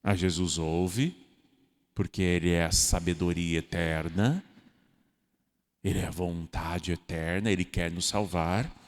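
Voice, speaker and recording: A man, a parish priest from Brazil, giving a homily with lively, joking delivery and little acted-out voices of everyday people. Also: low voice, unhurried, in a large hall.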